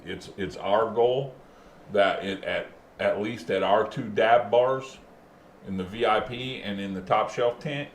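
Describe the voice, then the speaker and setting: A man's voice: lowish voice, measured pace. Laid-back stoner man in an echoey room. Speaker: host of a cannabis show. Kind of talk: casual chat. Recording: roomy echo, faint background noise.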